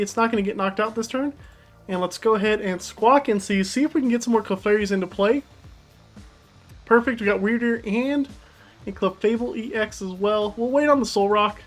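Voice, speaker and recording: A woman giving casual commentary on her card game deck, chatty and thinking aloud as she plays. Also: a little high. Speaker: gaming YouTuber. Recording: faint background music.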